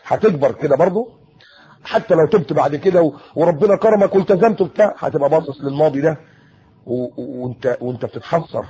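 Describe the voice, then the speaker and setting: A man's voice: a little high, fast, mellow, muffled recording. A man with an Egyptian accent giving an earnest religious talk to teenagers, warning and repeating himself. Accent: Egyptian Arabic. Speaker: preacher.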